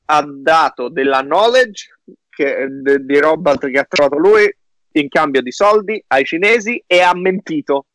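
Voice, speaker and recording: Emphatic man, slightly high voice. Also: lively intonation, a little slow, a bit bright, dry recording, low-quality recording. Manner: emphatic, slangy, mixing English phrases into his talk. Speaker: podcast host. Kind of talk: casual chat, joking commentary.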